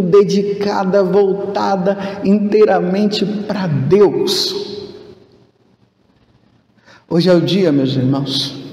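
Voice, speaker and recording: Priest giving a homily, man, measured slow pace, slightly high voice, roomy church sound. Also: warm tone. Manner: slow, emphatic preaching with sudden rises in pitch. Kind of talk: sermon. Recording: echoey church with long reverb.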